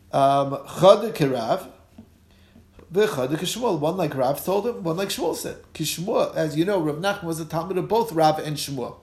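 A rabbi gives an informal lesson in an echoey room. His voice is fairly high for a man and quite creaky. He reads from a text, then explains it conversationally, asking questions and answering them. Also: a little mellow. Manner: conversational, asks and answers own questions, checks in with listeners. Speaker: rabbi teaching a Talmud class.

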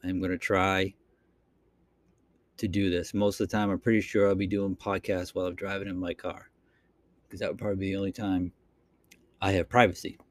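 Talking into a computer microphone, this Boston-born podcast host meanders through an unscripted solo monologue in a Boston accent, with frequent fillers and restarts. His low voice barely moves in pitch, his pace is fairly quick, and he pauses often; the recording is dry.

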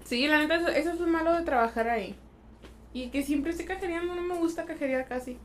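A woman's voice: high-pitched, fast, a little hiss or hum. A young woman, a podcast guest casually telling workplace anecdotes with a chatty, laughing manner. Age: young adult. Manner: chatty storyteller, laughs through her anecdotes. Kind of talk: casual chat.

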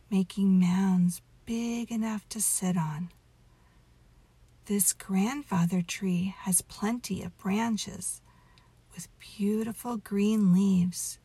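A woman softly leading a guided meditation story in a hushed, soothing half-whisper, intimate as if right by your ear. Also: medium pitch, no room sound. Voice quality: soft, breathy, half-whispered. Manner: gentle, drawn-out delivery.

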